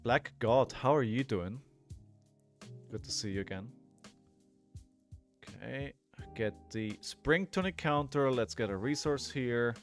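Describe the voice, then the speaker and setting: With soft music in the background, a man in his forties speaks slowly in a medium-pitched voice, leaving long pauses. His live card game commentary is casual and meandering, full of thinking aloud, viewer chat, and frequent "right?" check-ins.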